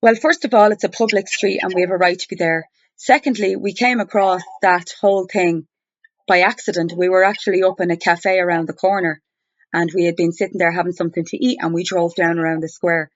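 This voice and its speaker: A woman speaking over the phone, challenging someone in an insistent, deliberate, argumentative way. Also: fairly low pitch, steady tone. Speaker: complainant challenging a journalist. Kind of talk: confrontational phone conversation. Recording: muffled, roomy recorded phone call.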